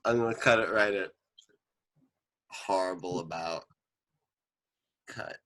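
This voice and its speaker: A man's voice: low-pitched, slow, a bit bright, slight background noise, rough recording. A young man hosting a casual podcast, rambling and joking, often stumbling over his words. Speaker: podcast host. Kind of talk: casual chat.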